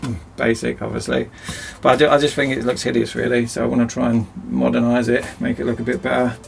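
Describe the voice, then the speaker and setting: A man's voice: mid-range voice, flat delivery, quick pace, vocal fry, a little hiss or hum. A man chatting casually and self-mockingly as he rambles through a DIY project in his cramped home workshop. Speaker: DIY video host.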